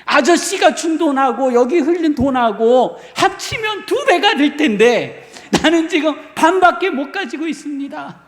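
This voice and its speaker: A man's voice: very high-pitched, expressive, normal speed, few pauses, pitched above the performer's own voice. A male pastor voicing a crying, greedy little boy in a sermon story, with a whiny, sobbing manner. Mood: whining. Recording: reverberant church sanctuary.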